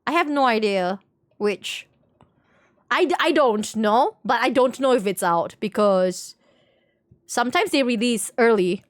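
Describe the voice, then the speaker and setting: While gaming live, a woman chats informally with viewers in a giggly way, her fairly high voice full of lively intonation. She goes a little slowly and pauses often; the studio sound is clean, with no echo.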